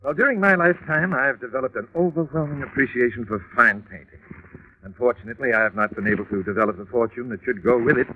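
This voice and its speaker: A man's voice: medium pitch, quick pace, close to an everyday voice. A man playing a formal, self-important art patron. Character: proud, earnest male art patron. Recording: tinny old radio recording with faint hiss.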